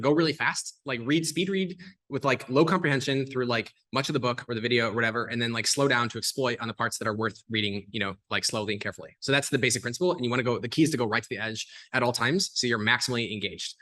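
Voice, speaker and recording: A man talking as a podcast guest, explaining things in a fast, animated way, full of "like" and "um" fillers. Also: medium pitch. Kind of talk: casual explanatory conversation.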